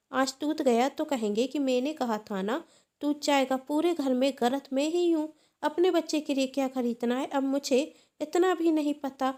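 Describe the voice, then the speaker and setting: A woman voicing an angry young mother who scolds loudly and complains in a shrill voice.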